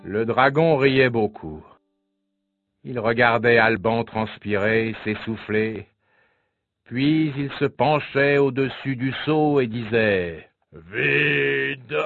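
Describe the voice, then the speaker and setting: A man reading a storybook aloud as narrator, with lively, expressive delivery. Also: medium pitch, takes it slowly. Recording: tinny phone-like sound, faint music.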